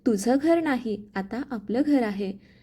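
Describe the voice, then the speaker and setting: A woman voicing a gentle, patient young bride in a spoken family story, soft and meek. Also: sits high, animated, moderate pace.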